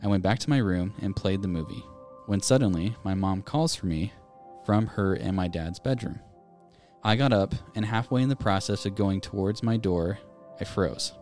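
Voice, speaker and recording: Here a low-pitched male co-host speaks at normal speed over faint music. He chats casually and reads listener-submitted ghost stories aloud in an even, storytelling manner.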